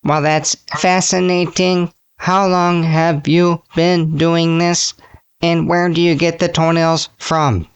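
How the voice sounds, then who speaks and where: A synthetic robot voice playing a formal alien researcher who asks polite, slow questions about human habits. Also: medium pitch, flat delivery, clean tone, dull audio. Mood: formal curious.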